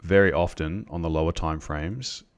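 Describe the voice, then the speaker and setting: A man on a live trading stream, explaining chart setups to viewers in a halting way, with many restarts and ums. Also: low voice, clean tone.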